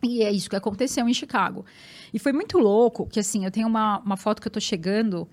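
A woman with a Brazilian Portuguese accent, a guest and marathon runner, telling her story in an animated, emphatic way and often repeating words. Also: mid-range voice, fast. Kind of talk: personal storytelling in conversation.

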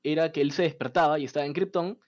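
A man retells a comic story in a casual chat, animated and full of swearing. His voice is fairly high for a man. The sound is a little dull and lo-fi. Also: quick pace.

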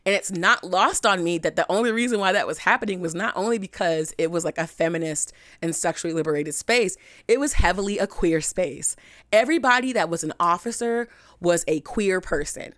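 A young woman hosting a podcast, telling a candid personal story in a frank, chatty way, full of "like" and animated swings in pitch. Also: fairly quick, no echo, clean studio sound. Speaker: podcast host.

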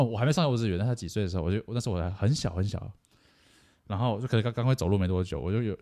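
A man's voice: lowish voice, warm tone. A man co-hosting a casual podcast chat, reasoning through his points in logical steps. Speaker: podcast co-host.

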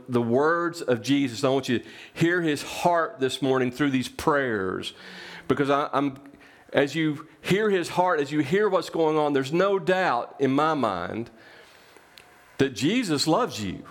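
A man's voice: medium pitch, lively intonation, unhurried. A man preaching a sermon as pastor, earnest and repetitive, building phrases one on another.

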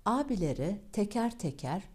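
A woman narrating a fairy tale in a calm, measured reading. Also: medium pitch, slightly rough. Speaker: storyteller.

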